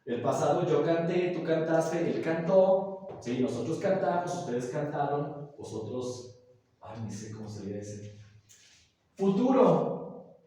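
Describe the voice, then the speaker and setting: Male teacher, patient explainer who keeps checking in with the class; mellow, low-bright tone, heard from across a very echoey classroom. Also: lively intonation, slow pace. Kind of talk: classroom grammar lesson. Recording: very echoey room, voice from far off.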